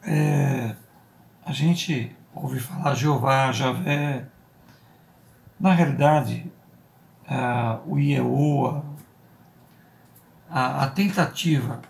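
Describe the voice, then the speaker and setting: A Brazilian pastor teaching a church Bible school class, explaining step by step and often checking in with "né?" and "tá?". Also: male voice, mid-range voice, creaky, darkish tone. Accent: Brazilian Portuguese. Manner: slow, deliberate, spells out letters. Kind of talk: Bible study lesson.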